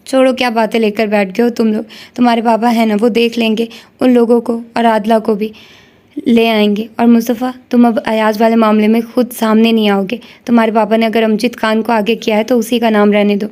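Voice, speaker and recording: A woman voicing a calm, gentle but firm older mother. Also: fairly high pitch, close to an everyday voice. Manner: calm, soothing.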